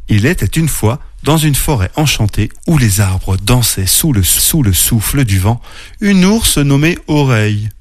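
A man narrating stories and lessons for children. His voice sits in an ordinary middle range, with a gently animated lift on key words. The recording is close and dry. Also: medium pitch, unhurried, no room sound, faint music behind. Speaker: children's storyteller.

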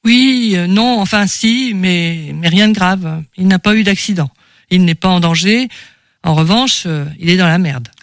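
A man voicing a weary, blunt middle-aged ex-husband in an audiobook, hesitant and gruff. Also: high voice, measured pace, fairly bright tone, no room sound, studio quality.

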